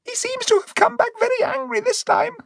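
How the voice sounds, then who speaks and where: A squeaky frightened mouse. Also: male voice, little pitch movement, a little fast, creaky, no room sound, heavily acted, low-quality recording. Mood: fearful, plaintive. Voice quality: squeaky, tearful. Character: frightened little mice of Narnia, timid. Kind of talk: audiobook reading.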